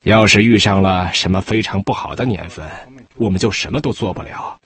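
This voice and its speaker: A man's voice: sits low, fairly quick, a bit bright, slightly rough. A man giving first-person testimony in a documentary, speaking as a herder.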